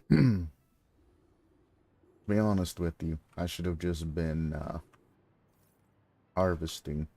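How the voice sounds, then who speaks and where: A man talking through his gameplay on a live stream, thinking aloud and throwing sarcastic asides at chat, clearing his throat now and then. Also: low voice, takes it slowly, pauses often, mellow, dry recording. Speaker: game streamer. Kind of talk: casual gameplay commentary.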